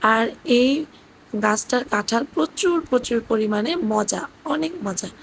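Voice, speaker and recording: A woman, hoarse from talking, gently narrating a family vlog as a voice-over with occasional fillers. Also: on the high side, lively intonation, a little slow, a little hiss or hum, rough recording. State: hoarse, voice cracking. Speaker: vlogger narrating family trip. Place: indoors at her parents' house.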